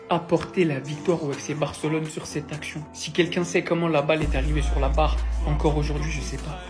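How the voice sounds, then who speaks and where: A commentator describing a football move in a measured delivery. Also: medium pitch. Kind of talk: match commentary. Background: music.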